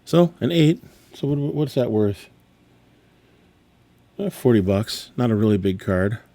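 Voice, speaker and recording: A middle-aged man with a low, mellow voice rambles through a casual vlog. He sounds exasperated and keeps correcting himself mid-sentence. The sound is close and dry, with no room around it. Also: measured pace, dry recording. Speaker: sports card dealer. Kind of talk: casual card grading reveal vlog.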